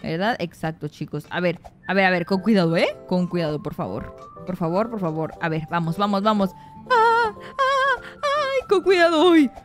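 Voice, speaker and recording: A young woman giving excited gameplay commentary, often shrieking and squealing at mishaps while talking to her viewers. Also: lowish voice, moderate pace, faint music behind. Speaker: gaming youtuber.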